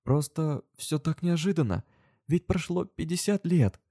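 A fragile, tearful old woman, her high voice quavering and stretched out as she pleads, put on by a male narrator. She swings up and down a lot as she speaks, and the sound is dry and close, with no room around it. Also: expressive, fairly quick, mellow, no room sound. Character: elderly woman, emotional and tearful.

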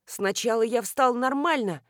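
A woman's voice: a little high, normal speed, dry recording, studio quality, close to an everyday voice. A woman reading the lines of a flustered middle-aged male professor with a hurt leg, in a mild, matter-of-fact way, for an audiobook.

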